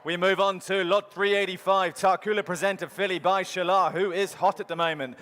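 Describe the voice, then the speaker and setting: A man's voice: high voice, steady tone, fairly quick, a bit bright. A man working as an auctioneer at a live sale, calling bids in a rhythmic, repetitive chant. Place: large sale arena. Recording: hall reverb from sale ring PA.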